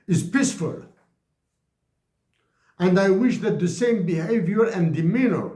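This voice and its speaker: An Algerian man delivers an impassioned political address to officials in a high voice with a dark tone. He speaks slowly and deliberately, restarting often, and the sound is reverberant.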